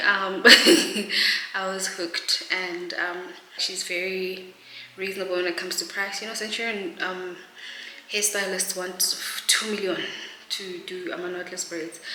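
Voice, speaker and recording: A woman's voice: lowish voice, flat delivery, measured pace, pushed and bright. Brief: young South African woman, casual vlog talk, echoey room, noticeable noise behind. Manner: chatty, laughs often, mixes in Zulu words. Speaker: realtor vlogger.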